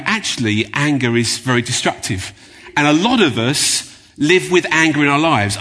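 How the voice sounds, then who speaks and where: A man's voice: a little high, fairly bright tone, husky. A man giving a chatty, anecdotal sermon in a church, with many fillers. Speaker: guest preacher. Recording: reverberant church hall.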